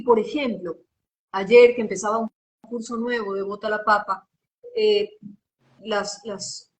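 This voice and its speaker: Guayaquil lady voice coach, kinda high pitched, animated and teachy in a live chat. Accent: Guayaquil Spanish. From Ecuador. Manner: animated, expressive, teacherly, asks rhetorical questions. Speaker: voice and diction coach, interview guest. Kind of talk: live interview, explaining.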